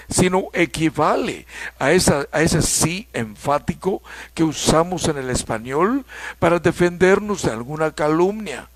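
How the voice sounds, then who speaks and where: A man from Mexico teaching an English grammar lesson, explaining slowly and repeating key points. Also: fairly high pitch, no room sound.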